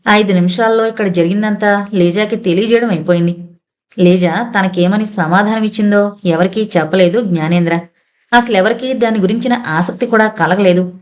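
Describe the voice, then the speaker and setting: A woman reading a science fiction audio novel aloud as narrator, giving the characters' lines a light change of voice. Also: mid-range voice. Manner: reads all characters herself, quoted lines lightly voiced.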